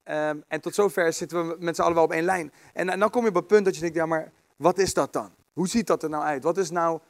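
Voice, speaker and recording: A man giving a relaxed, conversational sermon with many fillers and restarts, reading scripture aloud. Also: fairly high pitch, fast, no echo. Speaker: preacher. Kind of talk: informal sermon.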